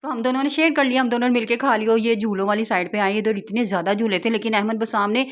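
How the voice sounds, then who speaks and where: A young woman narrating her family outing in a relaxed vlog, chatting and laughing often as she tells it. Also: a little high, fast talker. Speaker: vlogger, mother.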